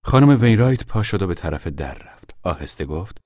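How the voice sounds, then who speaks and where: A man reading a novel aloud as narrator, calm and measured, often dropping to a hush. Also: low voice, no room sound, clean studio sound. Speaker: audiobook narrator.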